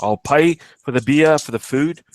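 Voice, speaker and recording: A man from Portugal hosting a casual online stream chat, halting and full of fillers and restarts. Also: on the high side, slight background noise. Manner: hesitant, many fillers and restarts. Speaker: stream host.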